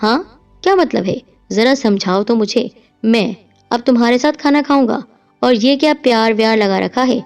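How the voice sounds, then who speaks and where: A woman's voice: fairly high pitch, darkish tone, close to an everyday voice. A woman voicing an angry, domineering young husband who talks with scorn and a raised voice, over faint music. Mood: scornful.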